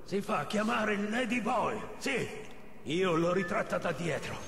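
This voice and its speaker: An actor playing a haughty, pompous captive royal physician in a video game. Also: male voice, high-pitched, animated, a little slow, gravelly, a bit bright, heavily acted. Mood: panicked. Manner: pompous, scornful. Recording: echoey hall reverb.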